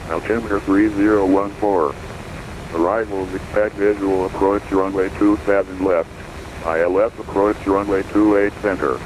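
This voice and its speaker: A man's low, level voice plays as an automated airport weather broadcast over a noisy radio channel, with a cockpit hum behind it. He reads the runway notices and weather in an unbroken monotone. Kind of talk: recorded airport information broadcast.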